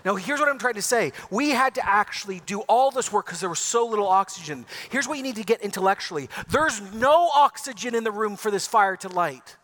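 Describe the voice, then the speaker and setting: A man with a high voice preaches an Easter sermon. He grew up in Ecuador and speaks in an emphatic, rhetorical style. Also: expressive, brisk, hardly any pauses, a bit bright. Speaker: pastor.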